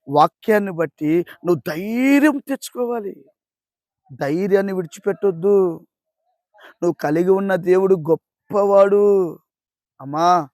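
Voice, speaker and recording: A man preaching a daily devotional sermon as a pastor, exhorting and repeating phrases, swinging between loud urging and hushed pleading. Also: sits high, no echo, studio quality.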